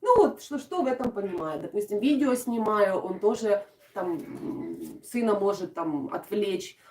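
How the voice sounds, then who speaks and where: Speaking Russian with a soft g and "sho" typical of southern Ukraine, this Odesa woman answers viewers' comments on a casual craft live stream. Her mid-range voice is animated and unhurried, and she's warm and chatty, laughing often and using plenty of fillers. The audio is roomy, from a distant mic.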